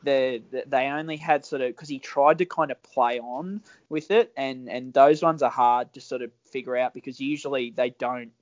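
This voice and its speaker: An Australian man chatting casually about sport as a guest injury analyst, in an informal, halting way that often restarts mid-sentence. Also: mid-range voice, fairly even intonation, dry recording, dull audio. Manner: informal, halting, self-interrupting. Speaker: injury analyst guest on a rugby league show.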